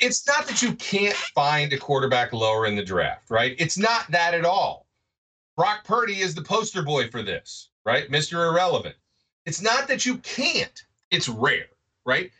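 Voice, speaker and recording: Lively bright-voiced man, tag-question habit. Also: on the high side, distant mic. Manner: animated, keeps asking "right?". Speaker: podcast co-host. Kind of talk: casual sports talk.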